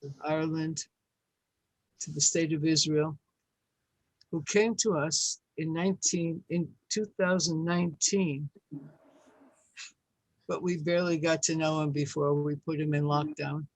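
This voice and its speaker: Woman host, slow halting introductions, dry close mic on a video call. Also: sits low, fairly even intonation, no echo, rough recording. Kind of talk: hosting a literary event on a video call.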